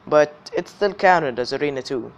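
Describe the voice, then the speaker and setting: He's on the high side, with lively intonation and a normal speaking speed, as he casually comments on gameplay in a gaming video. His voice is slightly affected by illness.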